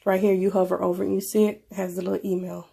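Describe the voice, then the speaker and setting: A woman's voice: mid-range voice, level tone, rapid-fire, creaky, mellow, breathy edge. A woman with a stuffy nose from a cold, presenting a casual tech review in an informal, conversational way. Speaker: video presenter.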